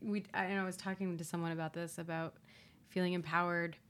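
A woman interviewer in casual chat, asking quick, relaxed questions. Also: fairly low pitch, slight background noise.

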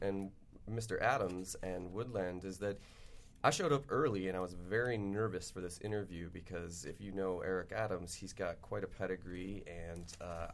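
Low-voiced, polite male author guest. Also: a little hiss or hum. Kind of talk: conversational radio interview.

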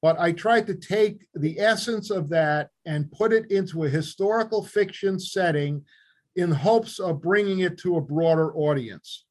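Older man with a Queens accent, higher-pitched. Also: unhurried. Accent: Queens New York. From Queens, New York City, USA. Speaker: interview guest, former newspaper reporter and author. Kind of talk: conversational interview answers.

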